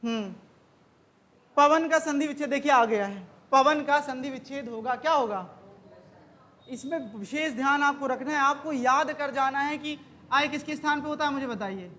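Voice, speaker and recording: A woman's voice: high voice, normal speed, fairly bright tone. A woman teaching an exam-prep grammar lesson, quizzing the class with questions that she then answers herself.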